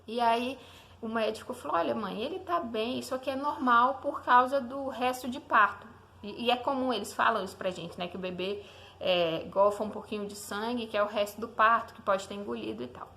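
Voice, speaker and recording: A young woman shares a personal faith testimony about her newborn son, speaking casually and directly to the listener. She often checks in with a questioning "né?" as she goes. Her voice sits slightly higher than average. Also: fairly quick, gravelly, sharp tone. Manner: conversational, often asks the listener "né?". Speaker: mother telling her baby's story.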